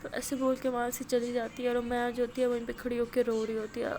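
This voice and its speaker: Woman telling a love story casually, high voice with gravel, faint background noise. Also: level tone, a little mellow. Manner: plain, flowing retelling with hesitant fillers. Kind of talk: casual spoken story narration.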